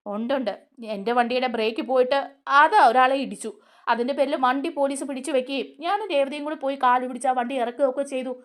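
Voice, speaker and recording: A woman's voice: sits high, fast talker, natural voice. A woman voicing a stern man from a serial who is scolding and questioning the others. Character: stern older brother figure, scolding.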